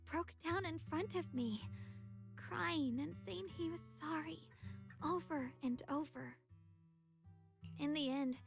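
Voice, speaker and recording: A young sword girl in a game, high soft voice, earnest, quiet music under. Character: young woman sword wielder, earnest, recalling her brother. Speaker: game character.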